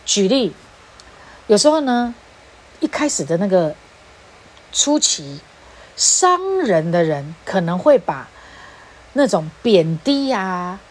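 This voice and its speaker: Husky Taiwanese-accented woman lecturing. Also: mid-range voice, sing-song, slow pace, pauses often. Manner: mixes Hokkien phrases into Mandarin, acts out quoted speech. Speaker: speaker on relationships. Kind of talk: informal lecture.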